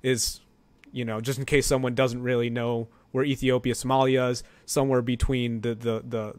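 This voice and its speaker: A man's voice: medium pitch, little pitch movement, moderate pace, no room sound. A man hosting a casual interview, stammering and repeating words as he follows along. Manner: stammering, frequent backchannel. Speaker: host.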